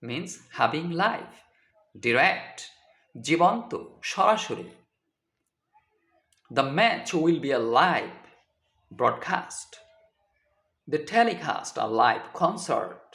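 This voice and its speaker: A man working as an English tutor gives a slow, deliberate vocabulary lesson, spelling every word letter by letter and translating each line. His high, gravelly, slightly bright voice is very animated and swings a lot in pitch. The room adds a noticeable echo.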